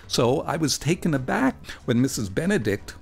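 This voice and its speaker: A Brooklyn man from New York narrates a scripted first-person memoir in the style of a radio storyteller, theatrically drawing out words for emphasis. His creaky, medium-pitched voice moves at normal speed with big pitch swings, and faint music plays behind him.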